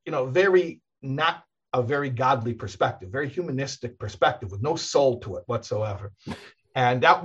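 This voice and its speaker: A rabbi talks through a long, rambling story in a relaxed chat, chuckling and restarting his sentences as he goes. His voice is husky and slightly rough. The recording sounds dull and muffled, as if the highs were cut off. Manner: rambling, animated, chuckles often, many restarts. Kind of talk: casual storytelling conversation.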